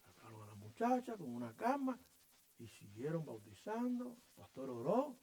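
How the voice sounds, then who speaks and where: A middle-aged man preaching a sermon as pastor of a church, his voice high and swinging widely up and down. He tells stories with animated energy, acting out the voices and sounds of the people in them. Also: moderate pace.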